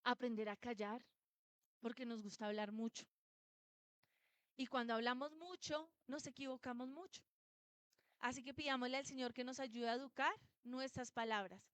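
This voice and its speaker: A woman's voice: on the high side, fairly bright tone, smooth, no room sound. A woman preaching a sermon to a church congregation, telling stories and putting questions to her listeners. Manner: storytelling, asks the congregation questions.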